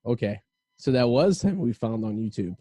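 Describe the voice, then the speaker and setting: A man's voice: medium pitch, sing-song, moderate pace, dark tone, husky, no room sound. A man hosting a show, bantering and interviewing a guest in a casual, conversational style. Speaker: podcast host.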